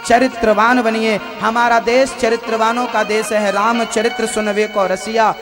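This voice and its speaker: High-pitched Indian male preacher. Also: level tone, unhurried, music in the background. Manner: rhetorical questions, repeats phrases for emphasis. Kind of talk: devotional sermon.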